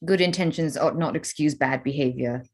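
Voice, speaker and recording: Cool and arch in mood, this actress plays a proud, witty young gentlewoman with a spirited manner in a period staged reading. Her voice is deep, and she speaks at normal speed.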